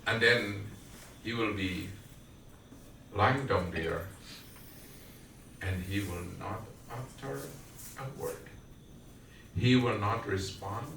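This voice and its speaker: A Guyanese man with a fairly low, sharp-toned voice gives a devotional sermon as a satsang speaker at a family prayer gathering. He tells a story slowly, questioning his listeners along the way. The room is echoey, the mic distant, with faint background sound and a little hiss or hum.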